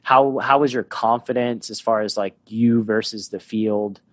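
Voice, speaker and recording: A man's voice: fairly low pitch, steady tone, unhurried, no room sound. Podcast host man, dry close sound. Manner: conversational, asks leading questions. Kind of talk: casual interview conversation.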